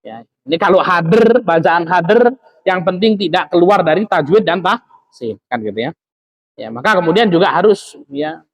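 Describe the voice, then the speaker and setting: High-voiced man preaching. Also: low-quality recording. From Lampung, Indonesia. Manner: conversational, with frequent tag fillers. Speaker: Islamic teacher. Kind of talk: religious study lecture.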